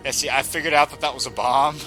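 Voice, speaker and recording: A man's voice: mid-range voice, fairly even intonation, quick pace, sharp tone. A man giving casual, reactive live commentary as he plays a video game, often exclaiming. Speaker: gamer doing a live playthrough. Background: video game music and sound.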